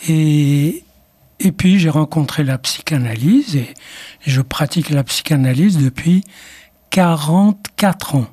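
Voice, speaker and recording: On a radio interview, the older psychoanalyst guest from Morocco, who spoke Arabic first, answers slowly and reflectively while restarting hesitantly. His fairly high voice has lively intonation and a darkish, slightly rough tone.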